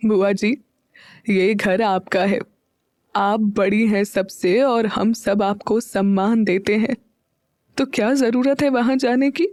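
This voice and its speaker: Woman voicing a calm older man, soothing, very slow, gentle. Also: mid-range voice, no room sound. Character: elderly man, calm gentle head of family.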